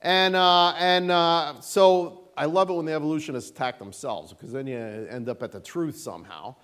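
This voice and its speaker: A middle-aged man teaching a church Sunday school class in a casual, animated, folksy way, with a sarcastic edge and lots of fillers. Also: a little high, moderate pace, clear, resonant tone.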